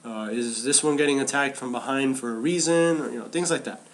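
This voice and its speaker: A man's voice: medium pitch, a little fast. A man co-hosting a podcast, talking casually and animatedly about wrestling, often restarting and repeating phrases. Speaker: podcast co-host.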